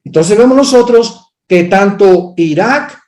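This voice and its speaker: A man's voice: sits high, lively intonation, takes it slowly, darkish tone. A man teaching theology, answering a student's question firmly and emphatically. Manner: firm, emphatic, corrects speculation bluntly. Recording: echoey room.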